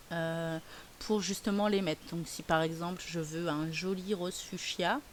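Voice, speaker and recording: A woman explaining a software tutorial as a teacher, chatty and hesitant with many fillers. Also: on the low side. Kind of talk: screen-recorded tutorial. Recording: faint hiss.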